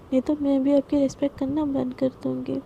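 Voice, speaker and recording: A prickly, stern young lady boss, voiced by a woman narrating. Her voice is high and gravelly with a dark, mellow tone and flat, clipped delivery, a faint hum behind it. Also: fairly quick, dull audio. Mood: snappish. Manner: snappish, dismissive.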